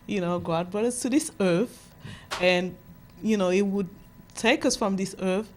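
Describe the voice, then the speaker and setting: A middle-aged woman raised in France, whose first language is Fula, talking as a guest. She speaks thoughtfully and picks up speed when keen. Her voice sits at a middling pitch, with a faint hiss behind it. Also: unhurried. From France, Senegalese heritage. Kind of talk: casual interview talk.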